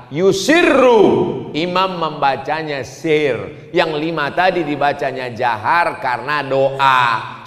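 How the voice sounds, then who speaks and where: A man preaching, his voice sitting fairly high. He moves between chanted Arabic prayer lines and jokes for the audience. He is recorded through a microphone in a big, reverberant hall. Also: a bit bright. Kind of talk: humorous sermon. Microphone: handheld or stand microphone.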